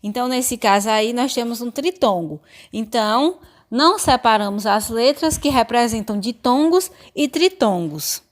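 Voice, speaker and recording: A woman's voice: a little high, animated, normal speed. A young adult woman with a Brazilian Portuguese accent, teaching a recorded school lesson and explaining step by step while pointing out examples.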